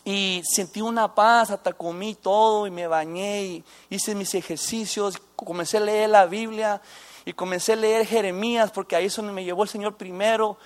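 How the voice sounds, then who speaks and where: High-voiced man, halting testimony. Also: steady tone. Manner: halting, with restarts and mixing in English phrases. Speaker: former inmate giving testimony. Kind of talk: personal faith testimony.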